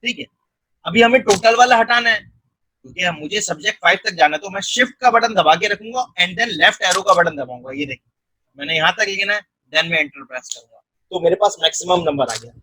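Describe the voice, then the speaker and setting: Bright husky-voiced man teaching software. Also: high-pitched, expressive, a little fast, no room sound, rough recording. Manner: step-by-step, frequent check-ins. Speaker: software tutor. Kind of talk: screen-recorded tutorial narration.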